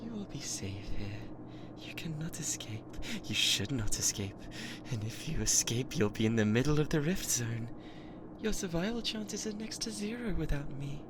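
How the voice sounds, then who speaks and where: A performer acts out a newly sentient spaceship AI with a British accent, a possessive, lovesick yandere that is obsessively in love and controlling, in a binaural ASMR roleplay. On a close binaural mic through heavy background noise, it uses stilted, formal machine phrasing at a medium pitch and normal speed, expressive but lightly acted, often dropping to a whisper near the ear.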